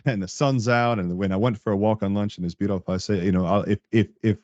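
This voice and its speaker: Deep-voiced man, animated podcast guest. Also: quick pace, no echo, dull audio. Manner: animated storyteller, laughs often, acts out coworkers' lines. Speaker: podcast guest, tech director. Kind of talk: casual interview chat.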